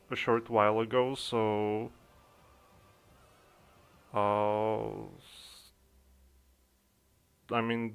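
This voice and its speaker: A young man with a Czech accent chats casually on a livestream, speaking slowly and hesitating often. His voice is gravelly with a fry, and his delivery stays fairly flat. He talks into a desk microphone. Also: mid-range voice. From Czech Republic. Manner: hesitant, thinking aloud with many fillers. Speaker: streamer. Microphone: desk microphone being adjusted in streaming software.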